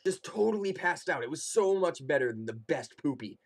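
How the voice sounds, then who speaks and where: A young man with a somewhat high voice and a slightly quick pace casually tells a funny personal story. He's a comedic storyteller who animatedly acts out the quotes and his own reactions.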